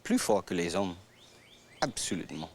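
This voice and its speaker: A man's voice: low voice, unhurried, a little hiss or hum. A man from Louisiana with a Cajun French accent, casually telling his life story and acting out the people he quotes. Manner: animated, acts out quoted voices.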